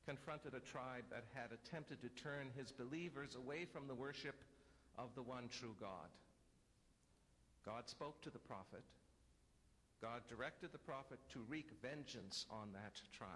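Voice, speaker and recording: A man moderating an academic panel, introducing the speakers with dry, wry humor and a measured delivery, then starting his own talk. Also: medium pitch, fairly bright tone. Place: conference room. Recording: reverberant hall, faint ambient noise.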